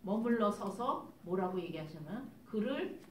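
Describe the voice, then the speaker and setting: Woman missionary preacher, fairly high voice, emphatic, rhetorical questions, echoey sanctuary, far mic. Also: lively intonation, moderate pace, slight background noise. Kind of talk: sermon. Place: church sanctuary. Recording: echoey church hall, distant mic.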